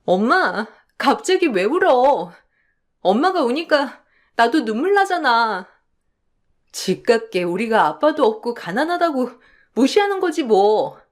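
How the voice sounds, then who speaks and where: Spoiled, sneering young sister-in-law for a radio drama, high and swooping, voiced by a woman. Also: very animated, a little slow. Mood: whiny. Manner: sneering, bratty.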